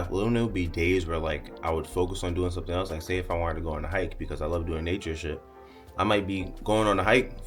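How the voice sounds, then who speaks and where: A man's voice: sits low, fairly bright tone. A young man vlogging in a candid, profane ramble to camera, often smiling and half-laughing as he talks. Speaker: content creator. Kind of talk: casual candid monologue to camera.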